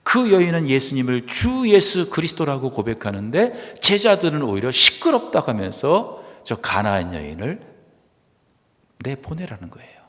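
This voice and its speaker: Korean pastor preaching, loud then whispering. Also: male voice, mid-range voice, sing-song, normal speed, big-room sound. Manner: dramatic shifts from loud exclamation to hushed whisper. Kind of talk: sermon. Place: church sanctuary.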